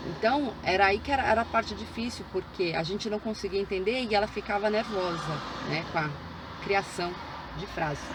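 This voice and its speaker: A woman's voice: mid-range voice, fairly quick, noisy background. A woman, a mother chatting casually in her vlog, with many fillers and restarts. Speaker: vlogger, mother.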